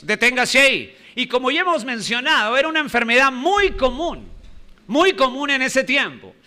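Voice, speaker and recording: A man's voice: very high voice, bright, forceful tone. A male pastor preaching a sermon, emphatic, repeating key phrases and quizzing the congregation.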